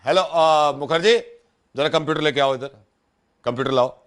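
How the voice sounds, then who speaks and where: Middle-aged guy prank calling, kinda high voice, acts all serious then needles the kid. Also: moderate pace, a bit bright, clear, resonant tone. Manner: earnest then teasing, voice rising when worked up. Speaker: radio prank caller. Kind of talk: prank phone call, posing as a family friend.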